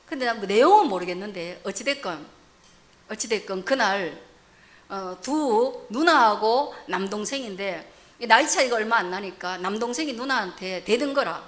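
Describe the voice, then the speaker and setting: A woman pastor preaching a sermon, asking rhetorical questions, rising loud and dropping to soft asides. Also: medium pitch, lively intonation, moderate pace.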